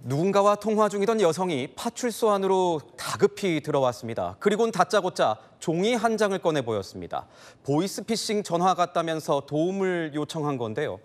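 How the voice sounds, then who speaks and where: A man's voice: sits high, very animated, fairly quick, few pauses, big-room sound. A man presenting scripted news introductions as an anchor.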